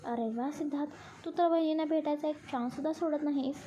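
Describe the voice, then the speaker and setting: A patient young man in a storybook who talks sense into his friend, voiced by a woman. His lines come out steady and reasoning in a high, warm-toned voice with faint hiss. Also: fast, lightly acted. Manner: reasoning, advising gently.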